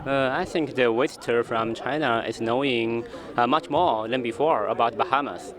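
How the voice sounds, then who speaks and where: A man giving a live interpretation for a diplomat in a news interview, halting and restarting with loose grammar as he translates on the spot. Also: mid-range voice, fairly bright tone.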